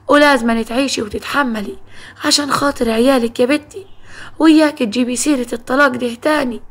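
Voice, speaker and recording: A woman's voice: a little high, lightly acted. A woman voicing an older, strict Egyptian village mother who lectures her daughter firmly.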